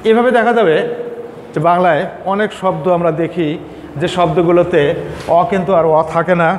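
A man giving a classroom lecture, explaining slowly and repeating example words. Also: high-pitched, a little hiss or hum. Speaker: teacher. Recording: echoey room with faint ambience.

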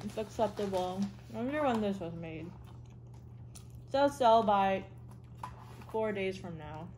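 Young woman host chewing mid-sentence, mouth partly full; slow and hesitant, mid-range voice. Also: medium pitch, expressive, warm tone, slight background noise. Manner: hesitant, many fillers like "um" and "like". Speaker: snack reviewer. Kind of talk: casual snack review.

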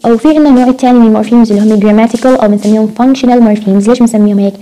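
Mellow-voiced woman lecturing. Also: on the high side, fairly even intonation, racing, low-quality recording. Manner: mixes Arabic and English, repeats key words. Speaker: university lecturer. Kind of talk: recorded lecture explaining phonetics.

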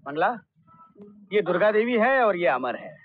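An actor playing a firm, commanding investigating officer in an old Hindi film. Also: male voice, sits high, sing-song, moderate pace. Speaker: CBI officer. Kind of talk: 1990s Hindi film acting. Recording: dull old film soundtrack.

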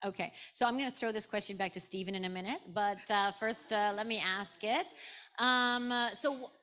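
A middle-aged woman from Canada talks on stage at a business conference, holding a microphone in front of a seated audience. She lays out her reasoning point by point and often pauses to ask "right?". Her voice sits at an ordinary middle pitch. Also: sharp tone. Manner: explains in numbered points, often adds "right?". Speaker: guest speaker. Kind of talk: conference panel conversation. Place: large conference room with an audience.

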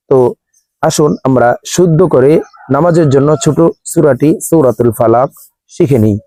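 A man teaching Quran recitation step by step, spelling out letters and vowel marks slowly, then chanting each verse long and drawn out. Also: medium pitch, warm tone, no echo.

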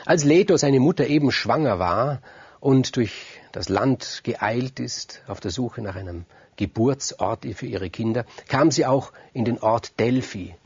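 He speaks at a measured pace in a mid-range voice that is a bit mellow and husky, captured in a muffled recording without room sound. As a storyteller, he freely retells Greek myths in a conversational style. He repeats words for emphasis and talks directly to his listeners.

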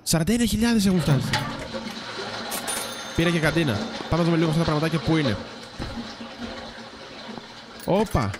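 Guy rambling through a sim game, kinda high voice, bit of hiss and clicks behind. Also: animated, long pauses. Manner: chatty, teasing game characters. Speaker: gaming YouTuber. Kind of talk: casual let's-play commentary.

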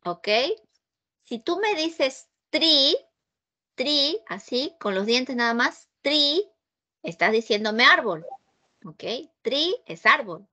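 A woman English teacher with a Peruvian Spanish accent leads an online class over a video call. Her voice sits a little high, and she talks patiently, repeating points and pausing often to ask if everyone follows. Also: very animated, pushed and bright, breathy edge. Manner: patient, repeats and checks understanding with frequent "ok?".

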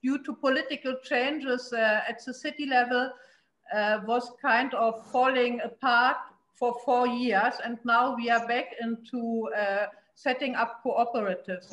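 A middle-aged woman with a German accent, a city investment promotion official, speaks on a panel via video call from a room at home. Her slightly high, somewhat bright voice is earnest and emphatic, full of fillers and restarts, captured roughly by a laptop webcam with echo.

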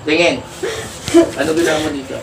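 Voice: mid-range voice, sing-song, brisk, gravelly. A faith healer questioning a spirit during a healing session, sternly asking the same short questions again and again. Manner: stern, repeated prodding questions. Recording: echoey room, recorded from far off, loud background noise.

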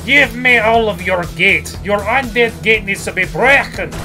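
A man's voice: sits high, measured pace, voice pushed up. A man voicing a boastful mech-piloting doctor in a mock French accent, hamming it up over game music.

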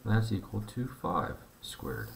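Deep-voiced man teaching a math lesson. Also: unhurried, gravelly, a little hiss or hum. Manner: relaxed, conversational explaining with fillers.

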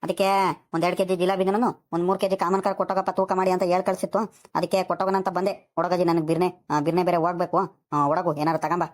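A woman voicing a rushed, easygoing male fish seller in an animated village comedy. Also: fairly low pitch, natural voice. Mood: hurried. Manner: rushed, pleading, fast-talking.

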